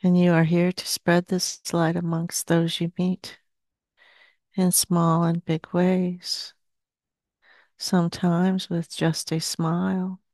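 Inside a small, dim room, an older woman of about sixty speaks as an entranced seance medium. Her short phrases come slowly and gravely, separated by long silences and kept almost flat in pitch. The headset captures her closely in a dry recording.

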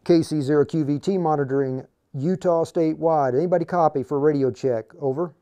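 A man's voice: fairly high pitch, fairly quick, mellow, clean tone. A man hosting a live radio demo on a lapel mic, talking casually and using ham radio call-sign talk. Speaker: host and instructor.

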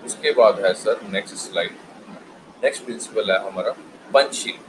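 A man's voice: on the low side, normal speed, background noise. A man teaching an online class, switching between Hindi and English and explaining with everyday relationship examples. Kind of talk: online lecture.

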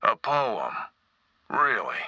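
A man's voice: mid-range voice, huge pitch swings, slow pace, creaky, pushed and bright, no room sound, dull audio, exaggerated voice. A man voicing a sane, kind-hearted but weary character in a video game, earnest and conversational. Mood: wry, hesitant.

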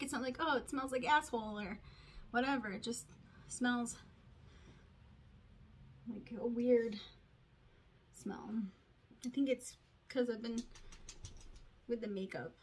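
Woman doing her makeup on camera, kinda high voice, rambles and talks to herself a lot. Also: slow, pauses often, a bit bright, breathy edge. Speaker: beauty vlogger. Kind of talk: casual makeup tutorial chat.

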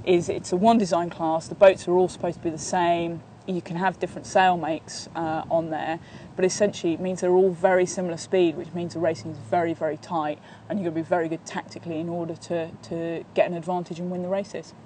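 Flat-toned woman in an outdoor interview. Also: lowish voice, brisk, a little hiss or hum. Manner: steady, even delivery with many fillers and restarts. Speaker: sailing coach and training partner. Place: outdoors in a sunny park by bushes.

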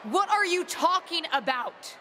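Very high, bright young woman cutting wrestling promo. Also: animated, exaggerated voice. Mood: shocked, hurt. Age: young adult. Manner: mocking, pointed, deliberate. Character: defiant young wrestler, sarcastic betrayed niece. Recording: reverberant arena PA with ambient noise.

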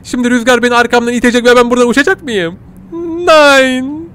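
A man giving playful, excitable let's-play commentary, chatting to his viewers and yelping at every surprise. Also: very high voice, racing, clear, resonant tone. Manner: excitable, yelps and squeals at surprises, talks to viewers as "kitties". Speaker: gaming channel host.

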